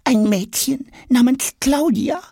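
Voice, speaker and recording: A man's voice: very high voice, takes it slowly, warm tone, slightly rough, no echo, clean studio sound, pitched above the performer's own voice, full character voice. A man voicing a chatty, trusting little pink braces case in a children's story. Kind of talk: audiobook character voice.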